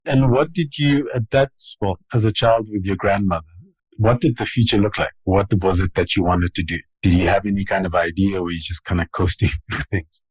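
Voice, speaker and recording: A man's voice: sits low, fairly even intonation, fairly quick, a little mellow, breathy edge, no echo. A man hosting a podcast, introducing his guest and asking thoughtful, hedging questions. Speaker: podcast host. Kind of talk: interview questions and scripted intro. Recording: dull, lo-fi and dry.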